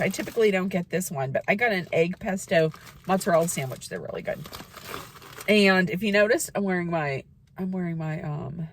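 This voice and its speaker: A woman in her fifties chatting excitedly to camera in a casual vlog, with squeals and laughs. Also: lowish voice, a little hiss or hum. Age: 50s. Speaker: vlogger.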